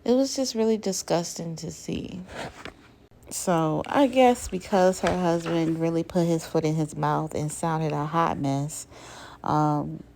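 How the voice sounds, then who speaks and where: A woman's voice: deep voice, measured pace, vocal fry, a little mellow, a little hiss or hum. A woman giving a casual, chatty commentary recap, full of fillers and quoted lines. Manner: chatty, many fillers, mimics cast members' quotes. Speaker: reality TV commentator.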